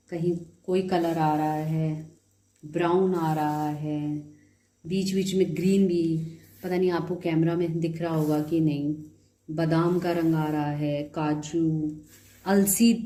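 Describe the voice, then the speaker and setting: A woman with a slightly sore throat hosts a cooking video, explaining a home recipe step by step in a chatty, friendly way and mixing in English words. Her voice sits low with a dark tone, recorded in an echoey room.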